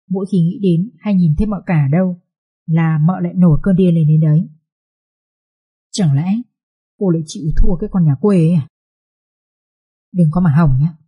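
A woman narrating a family drama story in a lively, colloquial storytelling manner. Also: fairly low pitch, husky.

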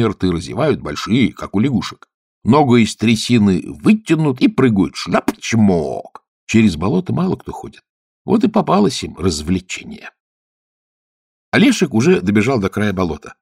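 A man narrating a children's fairy tale in an expressive way, at times hushed. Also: on the low side, moderate pace, gravelly, breathy edge, no echo, studio quality. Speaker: storyteller. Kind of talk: storybook narration.

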